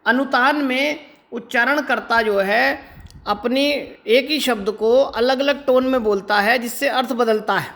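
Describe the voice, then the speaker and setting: A man's voice: very high voice, a bit bright. Man teaching, with frequent rhetorical questions. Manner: explains step by step, asks students rhetorical check-in questions; stretches words slowly to demonstrate pronunciation. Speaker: Hindi teacher. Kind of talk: exam-prep lecture.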